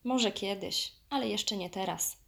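A woman's voice: medium pitch, unhurried, creaky, fairly bright tone. A woman voicing a stern, protective female panther who speaks curtly. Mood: wry. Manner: curt and stern.

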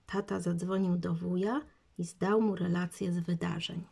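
A woman narrating a children's storybook in a measured reading voice. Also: fairly low pitch, steady tone, vocal fry, dark tone, breathy edge.

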